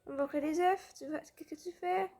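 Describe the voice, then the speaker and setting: High-voiced woman gaming. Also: a little fast, mellow. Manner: chatty, with fillers and restarts. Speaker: gaming video host. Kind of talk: casual gameplay commentary.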